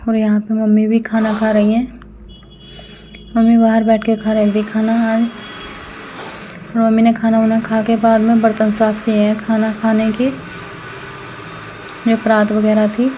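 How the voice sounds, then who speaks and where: Flat-voiced woman vlogging from home. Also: fairly high pitch, measured pace, long pauses, a little hiss or hum. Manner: chatty, addresses viewers as friends. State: unwell, tired. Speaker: family vlogger. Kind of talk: casual voice-over narration.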